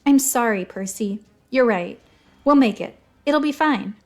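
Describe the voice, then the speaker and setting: A woman's voice: fairly high pitch, unhurried, pitched above the performer's own voice. A woman voicing a young girl adventurer in an audiobook, earnest, direct and loyal to her friends. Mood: reassuring.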